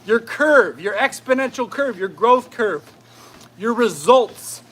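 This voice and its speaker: A man giving a casual motivational fitness talk as a coach while walking briskly on a treadmill, often checking in with "right?". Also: very high voice, animated, fairly bright tone, low-quality recording. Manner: conversational, often tags phrases with "right?".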